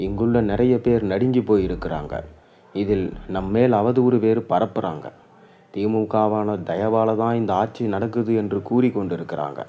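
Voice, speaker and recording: A man reading the news, relaying a political speech in a steady, even voice. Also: on the low side, normal speed. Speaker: news reader. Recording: dull lo-fi audio with faint music.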